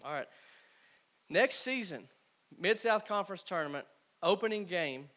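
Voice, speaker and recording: A man's voice: high voice, measured pace. A man in his thirties, a former college ballplayer, telling stories to a team and acting out what his teammates said. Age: 30s. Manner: animated storyteller, acts out quoted teammates. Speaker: former college baseball player speaking to a team. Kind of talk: storytelling talk to players.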